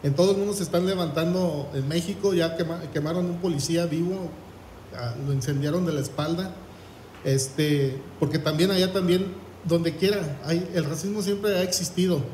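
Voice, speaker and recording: High-voiced preacher. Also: male voice, moderate pace, darkish tone, roomy sound, a little hiss or hum, poor audio. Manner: reads scripture aloud, asks the congregation "¿qué?". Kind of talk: sermon.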